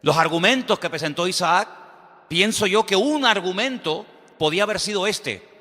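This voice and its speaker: A man's voice: sits high, expressive, moderate pace, pushed and bright, in a large hall. A man preaching a sermon as pastor, with rhetorical questions and a fervor that builds.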